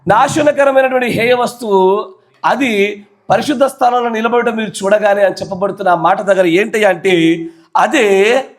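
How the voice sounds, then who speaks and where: A man's voice: high voice, normal speed. A male pastor with a Telangana Telugu accent preaching a sermon in church, keeping the congregation engaged by repeatedly asking them questions and pressing them to answer yes or no.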